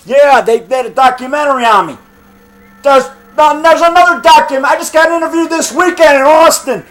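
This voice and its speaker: A man's voice: very high voice, a bit bright, low-quality recording. A middle-aged man in a combative, off-the-cuff phone argument, defiant and boastful, punctuating his points with "brother" and "pal.". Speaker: low-budget monster movie maker.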